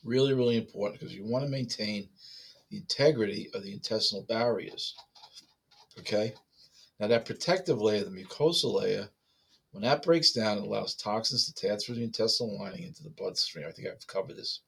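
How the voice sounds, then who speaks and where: A man's voice: lowish voice, brisk, gravelly, a bit bright, husky. A man giving health advice to listeners, explanatory, with frequent restarts and hiccups. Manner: explanatory, with restarts and repeated okays. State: has the hiccups. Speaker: health talk presenter.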